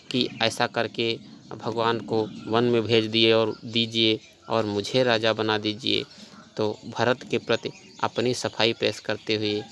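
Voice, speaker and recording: A man's voice: on the low side, creaky, fairly bright tone, a little hiss or hum. A man teaching a class, explaining a poem line by line and patiently restating each verse in plain words.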